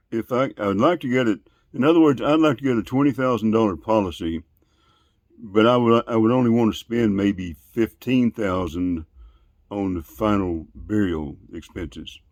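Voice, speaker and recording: A man in casual phone conversation, asking questions in a polite, deliberate, long-winded way. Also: lowish voice, a little mellow, dry recording, studio quality. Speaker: call recipient.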